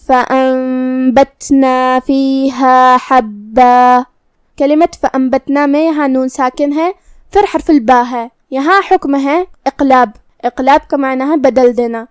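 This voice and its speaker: A woman with a Pakistani Urdu accent teaching recitation rules methodically, explaining each letter's articulation and then chanting the words slowly and drawn out. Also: high-pitched, darkish tone, dry recording, clean studio sound. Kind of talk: tajweed lesson with slow chanted recitation.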